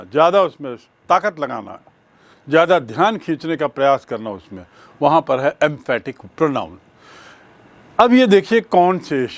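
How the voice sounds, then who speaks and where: A man teaching a bilingual grammar lecture, speaking deliberately and repeating and spelling out key terms. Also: fairly high pitch.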